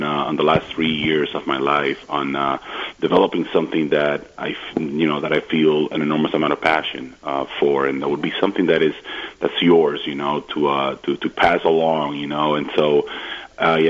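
A man from the Dominican Republic, a guest on a radio interview, talking eagerly with many halting restarts. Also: very deep voice, dull audio.

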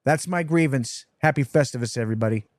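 A man's voice: mid-range voice, fast, no echo. A man delivering a comic complaint monologue in an emphatic, mock-indignant manner. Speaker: cigar media personality.

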